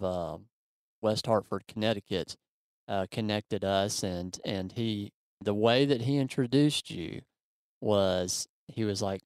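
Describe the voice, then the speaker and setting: A man hosts a casual interview. His low voice is smooth and resonant, recorded dry and close. He talks in a relaxed way and fills his sentences with ums. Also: dry recording. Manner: relaxed, filler-heavy with frequent ums. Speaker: podcast host.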